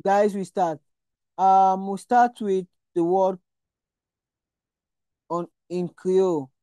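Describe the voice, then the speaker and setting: A woman gives a language lesson at an unhurried pace. Her voice is soft-edged and dark, in a close, dry recording. She speaks deliberately, repeating items for learners. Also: medium pitch, fairly even intonation, dry recording. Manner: deliberate, repeats words and spells them out. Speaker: language teacher and channel host. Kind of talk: slow vocabulary lesson with repetition.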